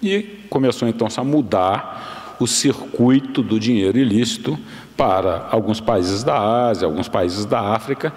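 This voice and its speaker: A Brazilian man in his sixties giving a formal lecture from a lectern in a large university auditorium, measured and explanatory, often restarting and correcting himself. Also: lowish voice, darkish tone. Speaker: guest lecturer. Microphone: lectern microphone. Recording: long hall reverb.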